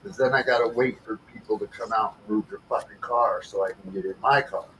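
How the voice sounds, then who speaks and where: A man's voice: lowish voice, fairly quick, bright, forceful tone, a little hiss or hum, low-quality recording. A man talking casually on his livestream, blunt and frustrated, swearing heavily. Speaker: livestream host.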